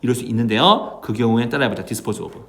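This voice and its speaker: A man's voice: mid-range voice, fast. A man teaching English vocabulary in an exam prep lecture, checking in with his students again and again as he explains. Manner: lively, asks students constant check-in questions.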